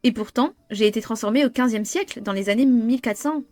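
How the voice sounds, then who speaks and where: Ancient courteous male vampire in a visual novel, read plainly by a woman; formal, slightly high voice. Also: a little fast, darkish tone, no room sound, lightly acted. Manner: formal, polite reading.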